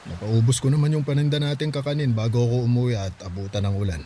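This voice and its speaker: A mellow, mid-range male voice talks fast as an actor plays a widowed father in his forties, hardworking and gentle, offering soft reassurance in a radio drama. There's slight background noise, and the delivery feels natural.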